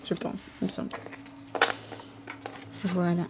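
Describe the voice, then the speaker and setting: A woman's voice: on the low side, monotone, slow pace, heavy background noise. A woman, casually showing her card collection, chatty and hesitant with fillers and self-corrections. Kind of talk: casual show-and-tell.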